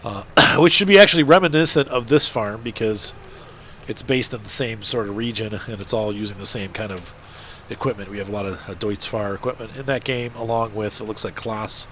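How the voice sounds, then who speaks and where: A man's voice sits on the low side, a little fast, pushed and bright, with a nasal, congested sound from a blocked nose. He's a video host giving casual, rambling gameplay commentary, and a little hiss or hum can be heard.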